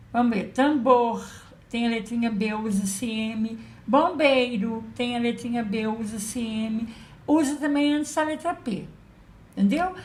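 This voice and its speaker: A woman teacher giving a patient children's lesson, spelling out letters and sounds. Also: a little high. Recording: echoey room.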